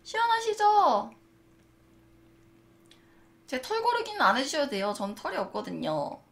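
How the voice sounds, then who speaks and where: A woman's voice: on the high side, wildly swooping pitch, quick pace, vocal fry, fairly bright tone. A young woman chatting playfully to her cats, cooing and putting on mock-polite masseuse talk. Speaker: pet vlogger.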